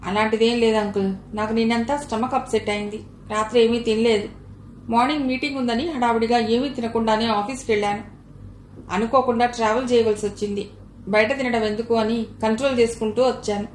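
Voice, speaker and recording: Calm young husband, soft and reassuring, read by a woman; roomy sound. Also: a little high, brisk, natural voice. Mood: gentle. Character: young man, gentle husband. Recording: roomy recording, faint hiss.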